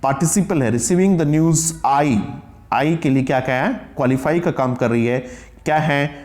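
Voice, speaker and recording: A middle-aged man lectures on English grammar in a slightly high voice. He speaks at an unhurried pace, keeps asking his class questions, and reads example sentences word by word. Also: a little mellow.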